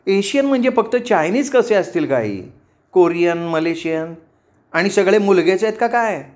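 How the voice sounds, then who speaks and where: Man putting on a young woman student, excitable, loud, raised pitch, storybook telling. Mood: excited, impatient. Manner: loud, quick, exasperated.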